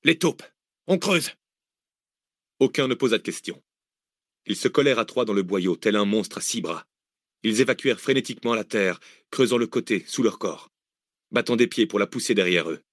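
A man reading an adventure novel aloud in a steady storytelling voice. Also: on the low side, a little fast, dry recording, clean studio sound. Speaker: audiobook narrator. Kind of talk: scripted narration.

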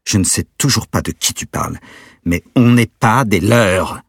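A man's voice: deep voice, fairly quick, gravelly, fairly bright tone, husky, dry recording, clean studio sound, heavily acted. A man voicing a blunt, hot-headed young man. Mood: angry. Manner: blunt, curt, angry. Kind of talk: audiobook character voice.

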